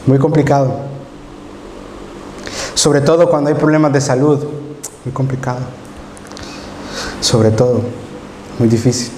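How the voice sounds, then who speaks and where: A man's voice: mid-range voice, fairly even intonation, unhurried, pauses often. A man from El Salvador with a Salvadoran accent, preaching a sermon with emotional storytelling and acting out his own past pleas. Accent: Salvadoran Spanish. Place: church hall. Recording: roomy hall reverb, faint background noise.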